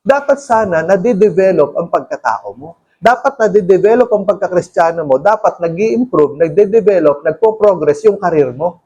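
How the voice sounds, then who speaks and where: A male pastor with a Filipino accent delivers a sermon in a high voice. He switches between Tagalog and English and keeps asking the congregation questions. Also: expressive, moderate pace, darkish tone, breathy edge, lo-fi sound.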